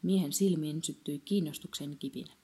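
A woman narrates a children's story in a calm, measured, even-paced way. Her voice is low and mellow, with a soft, warm tone that suits storytelling.

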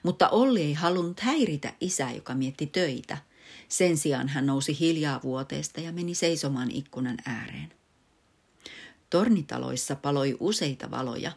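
Low-voiced woman reading a storybook. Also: a little mellow, husky. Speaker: audiobook reader. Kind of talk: children's storybook narration.

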